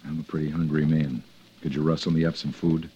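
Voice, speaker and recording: A man's voice: extremely low pitch, level tone, brisk, dark tone, a little hiss or hum. An actor playing a hard-edged man on the run after a false accusation, in clipped, insistent old-time radio drama style. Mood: determined. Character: hard-edged male fugitive wrongly accused. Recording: dull lo-fi old radio recording.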